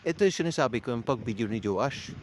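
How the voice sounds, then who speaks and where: This vlogger speaks fast and animatedly in a mid-range voice, with a Filipino accent, chatting casually and directly to his viewers. The amateur recording is clearly noisy.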